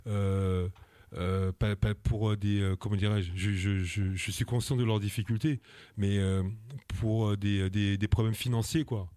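A French man appears as an activist guest on a radio interview, his voice lowish, mellow and steady in tone. He speaks unhurriedly, but earnestly and indignantly, with frequent hesitations, fillers and restarts, and no echo.

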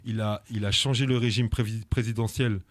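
A man from France, an activist guest, telling his story in an interview, halting and often restarting his words. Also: lowish voice, fairly even intonation, no room sound. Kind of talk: personal testimony in an interview.

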